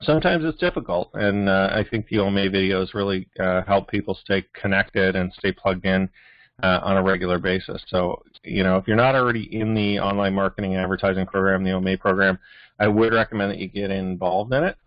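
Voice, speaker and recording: A man's voice: low-pitched, fairly even intonation, fairly quick, dry recording, highs cut off. A man with a Canadian accent hosting a business training call, talking casually with lots of fillers and restarts. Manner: rambling, many fillers and restarts. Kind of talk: casual motivational talk.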